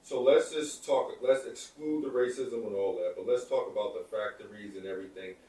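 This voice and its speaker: A podcast co-host in his thirties rambles through his opinions in casual chat, using lots of "like" and restarting sentences. His voice is fairly low, brisk, and warm. He sounds far from the mic in an echoey room.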